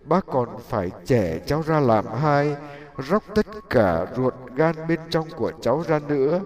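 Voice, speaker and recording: A man doing a gentle, sorrowful farmer. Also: a little high, expressive, measured pace. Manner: soft, coaxing.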